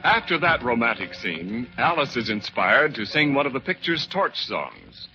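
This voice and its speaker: A man's voice: mid-range voice, big pitch swings, normal speed, sharp tone, lo-fi sound, faint music behind. A male radio announcer giving polished, scripted promotional narration, heard on an old 1940s radio recording.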